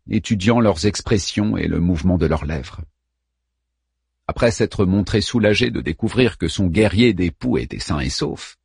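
A man narrating a first-person story in a measured reading voice. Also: fairly low pitch, gravelly, breathy edge, no echo, studio quality. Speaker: audiobook narrator.

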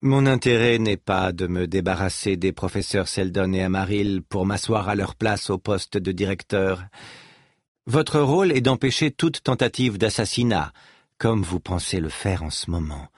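A man voicing a calm, softly menacing male scientist in an audiobook reading. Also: deep voice, moderate pace, no room sound, studio quality.

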